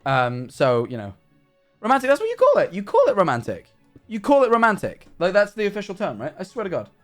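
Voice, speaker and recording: A young man streaming live, chatting in a rambling, animated, self-mocking way. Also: sits high, brisk, soft background music. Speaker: livestreamer. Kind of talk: casual stream chat.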